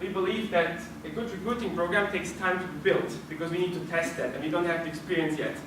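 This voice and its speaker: A man's voice: a little high, fast. Hesitant man presenting in an echoey room. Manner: hesitant, many restarts. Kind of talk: group presentation. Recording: echoey room from far off with noise.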